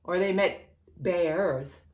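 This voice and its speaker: Reading very slowly in a lowish voice, this woman storyteller and channel host shares a picture book with young children. She talks right to the child, asking questions and reacting in big, playful ways.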